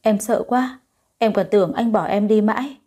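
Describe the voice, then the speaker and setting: A woman's voice: medium pitch, fairly even intonation, normal speed, warm tone, slightly rough, natural voice. A woman voicing a stubborn, emotional young woman in an audio story, speaking in a pleading way. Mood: tearful.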